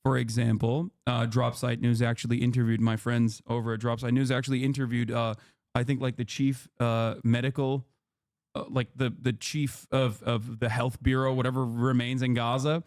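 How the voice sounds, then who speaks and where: A streamer host in his thirties explains politics to a guest, impassioned and profane, pushing his voice up hard until he's nearly shouting for emphasis. His mid-range voice shows little pitch movement, and he keeps a moderate pace.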